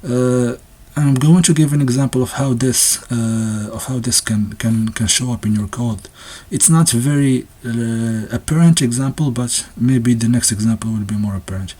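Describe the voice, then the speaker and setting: A man with a slightly husky voice talks through a textbook in a casual, unscripted way. He often stumbles and restarts his sentences, and now and then he gives a small nervous laugh as he explains. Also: medium pitch, moderate pace, few pauses, warm tone. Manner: hesitant, many restarts and fillers, occasional nervous laughs. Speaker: presenter discussing a textbook.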